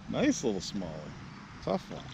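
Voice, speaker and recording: A man hosting a fishing vlog from a small boat on a lake, chatting excitedly as he narrates catches. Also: a little high, creaky, slight background noise. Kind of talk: casual fishing chat on a boat. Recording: loud background music over outdoor audio. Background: loud music.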